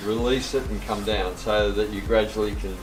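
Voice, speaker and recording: A man's voice: on the low side, steady tone, moderate pace. Older man, echoey and off-mic. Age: older, about 60s. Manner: explanatory, often checks with "right?". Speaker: surfboard seller and surf coach. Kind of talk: casual instruction. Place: open surfboard workshop with roller door. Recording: echoey workshop, distant mic, background music.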